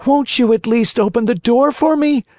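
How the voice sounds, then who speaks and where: Male reader voicing a desperate puppet boy, high and begging. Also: a little slow, a little mellow, dry recording, clean studio sound. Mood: pleading. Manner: high pleading cries.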